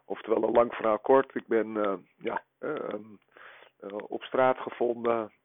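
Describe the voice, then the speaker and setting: A man in his forties leaving a rambling voicemail, played back over a phone line, talking haltingly with many hesitations. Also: medium pitch, fairly even intonation. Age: 40s. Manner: halting, full of hesitations and filler sounds. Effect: voicemail message played over a phone line. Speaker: podcast co-host.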